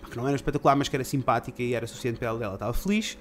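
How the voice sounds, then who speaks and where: A man's voice: medium pitch, racing, slight background noise. A man with a European Portuguese accent, telling a story in casual chat and acting out the voices of the people in it. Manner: acts out quoted voices, breaks into shouts and laughs.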